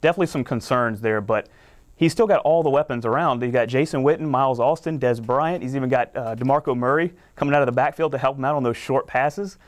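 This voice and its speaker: A man rattles off fantasy sports advice at a quick clip, confident and analytical. His voice is smooth and clear, recorded in a studio. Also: medium pitch. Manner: confident, rapid analytical explanations.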